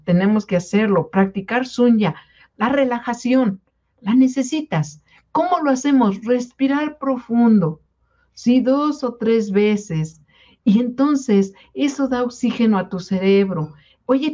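A woman's voice: mid-range voice, dark tone, muffled recording. A woman from Mexico giving an informal health talk to product distributors, coaxing them along and often checking in with a questioning "¿sí?". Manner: coaxing, repeats "¿sí?" to check in with listeners. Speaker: wellness product presenter.

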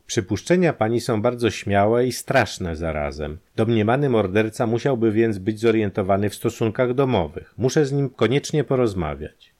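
Guy reading a calm detective, measured questions, matter-of-fact, low voice. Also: natural voice.

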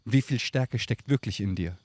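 A man's voice: lowish voice, normal speed, a little mellow, dry recording. A young man talking as a podcast guest in a casual, emphatic chat full of street slang, recorded outdoors at dusk. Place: outdoors on a tropical island at dusk.

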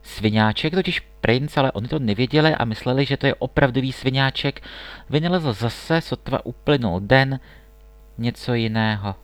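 A man narrating a classic fairy tale in a calm, steady storybook reading. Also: mid-range voice, clear, resonant tone, dry recording.

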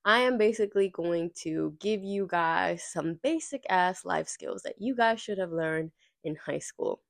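A woman's voice: lowish voice, a little slow, gravelly. A woman hosting a podcast in casual, blunt, emphatic and slangy talk, her voice nasal and congested from being sick. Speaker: podcast host.

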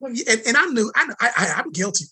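A man guest telling a story in conversation, animated and emphatic. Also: very high-pitched, a little fast, breathy edge, rough recording.

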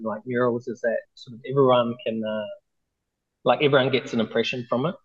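Kiwi guy with a thick nz accent chatting in an interview, pretty flat pitch, laid back and halting, bit muffled recording. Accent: broad New Zealand. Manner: laid-back, hesitant, informal phrasing. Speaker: interview guest, mural artist. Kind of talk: casual interview chat.

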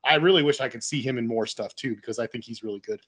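Bright-voiced man telling animated stories. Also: medium pitch, fast, slightly rough. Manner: animated storyteller, jokey. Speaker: podcast co-host. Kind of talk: casual chat.

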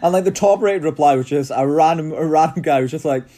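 Mellow-voiced, excitable Scottish man. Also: fairly high pitch, fast talker. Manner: excitable, rambling, repeats and restarts phrases. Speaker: podcast host. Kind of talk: casual sports podcast chat.

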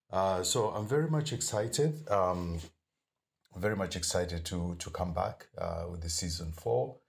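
A man hosting a podcast, introducing it alone and pausing with many ums and uhs. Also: low voice. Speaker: podcast host.

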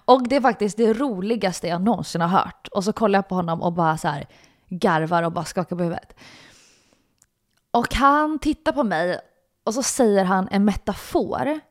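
Young Stockholm-accented woman, podcast host, lively first-person storytelling, mid-pitched voice. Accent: Stockholm Swedish. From Sweden. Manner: animated retelling, acting out quotes, laughing.

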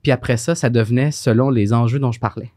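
A man's voice: medium pitch, steady tone, fast talker, a little mellow, dry recording, studio quality. A man with a Quebec French accent, co-hosting a podcast and telling stories in a rambling, casual way with many fillers. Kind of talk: casual conversation.

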